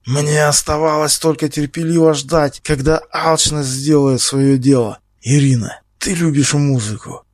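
A man voicing a menacing male captor who speaks slowly and quietly, taunting his victim. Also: mid-range voice, fairly even intonation, breathy edge, no room sound, studio quality. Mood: raging. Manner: slow, quiet, taunting, bursts into shouting.

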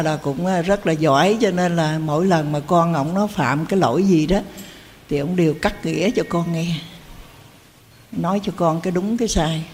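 A woman's voice: on the low side, gravelly, a little mellow, in a large hall. Woman giving a dharma talk. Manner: folksy storytelling, rhetorical questions. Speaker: Buddhist teacher.

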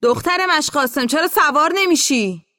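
A woman voicing a loud, rough village man who drives a tractor, shouting in a rustic way in a storybook reading. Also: sits high, animated, no echo, studio quality, voice pushed up. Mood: hollering.

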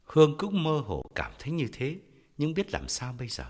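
A man narrating a story in a measured, expressive audiobook style. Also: fairly high pitch, big-room sound.

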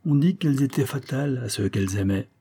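A man voicing a grave, slightly ironic young gentleman in an audiobook, dry and measured. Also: medium pitch, expressive, slightly rough, pitched above the performer's own voice. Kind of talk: audiobook reading.

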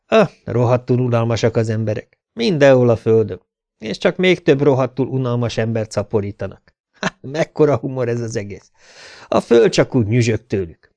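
A man's voice: medium pitch, very animated, vocal fry, dark tone. Laconic male audiobook narrator. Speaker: audiobook reader. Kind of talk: audiobook narration of a hard-boiled novel.

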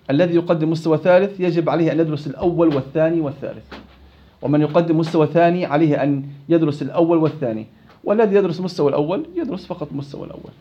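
Male teacher, fairly high, mellow voice, lecturing and quizzing a class; muffled lo-fi recording. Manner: explains rules, then quizzes students. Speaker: Quran recitation teacher.

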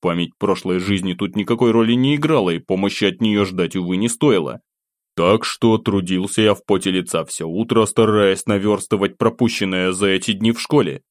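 A man with a low, deep voice narrating a first-person audiobook. His delivery is calm and wry, and the close, dry recording has no room sound. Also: moderate pace, no room sound.

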